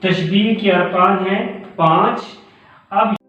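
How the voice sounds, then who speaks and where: Slow, deliberate male grammar teacher. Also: high voice. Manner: deliberate, repeats key terms, addresses students as children. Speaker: Urdu professor. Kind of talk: grammar lecture to students. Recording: very echoey, tinny phone-like sound.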